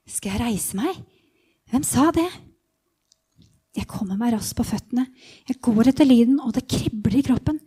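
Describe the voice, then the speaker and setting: A blind beggar man , voiced by a woman, thinks aloud in a hushed first-person monologue, often slipping into a whisper. The voice sits high. It belongs to a guided Bible meditation. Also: animated, pauses often, slightly rough. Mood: hopeful. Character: blind male beggar longing to be healed.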